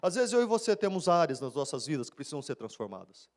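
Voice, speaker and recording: A man with a Brazilian accent, a pastor giving a live sermon at a church service in a fast, conversational way. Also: on the high side, very animated. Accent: Brazilian Portuguese.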